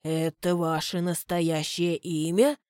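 Woman playing a measured, courteous butler, slow and polite, a dry close read. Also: on the low side, level tone, darkish tone, no room sound, pitched below the performer's own voice. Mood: puzzled, polite. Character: courteous, shrewd male butler, middle-aged.

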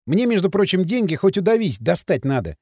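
A sulky, sarcastic teenage boy, as an audiobook reader plays him, with a lively, up-and-down delivery. He talks bluntly and scoffs easily, recorded close and dry. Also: sits high, brisk, slightly rough, dry recording, heavily acted. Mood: scheming. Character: grumpy restless teenage boy Kirill. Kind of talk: audiobook character reading.

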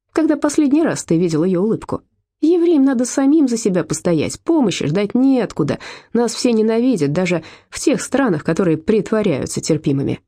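A woman's voice: mid-range voice, warm tone, husky, pitched above the performer's own voice. A woman voicing a hot-tempered, reckless teenage boy who talks boastfully and angrily, in a storybook reading. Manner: boastful and angry.

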